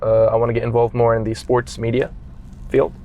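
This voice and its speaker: A man from Qatar, a guest in casual chat, talking in a relaxed, rambling way with many fillers. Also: medium pitch, fairly quick, gravelly, dull audio, slight background noise.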